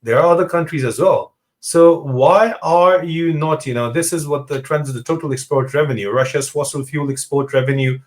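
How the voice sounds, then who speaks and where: A man's voice: on the high side, normal speed, hardly any pauses. A man hosting a political discussion interview, probing his guest and often interjecting short acknowledgements. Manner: probing, with frequent brief acknowledgements. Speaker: host.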